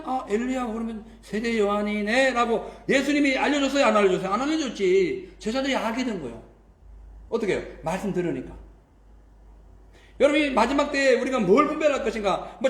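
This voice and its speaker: A man's voice: very high voice, fast, reverberant. A male pastor delivering a sermon, emphatic, with frequent rhetorical prompts to the congregation. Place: church sanctuary.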